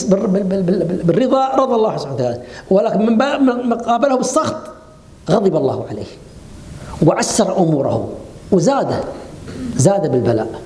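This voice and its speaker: Animated preacher in an echoey hall. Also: male voice, high voice. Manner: animated, asks the audience rhetorical questions. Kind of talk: religious lecture to women. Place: hotel lecture hall.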